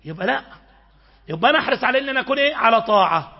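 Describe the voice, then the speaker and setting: A man's voice: extremely high pitch, animated, racing, breathy edge. A man with an Egyptian accent preaching a sermon with urgent passion and sudden raised outbursts, on a dull lo-fi recording. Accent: Egyptian Arabic.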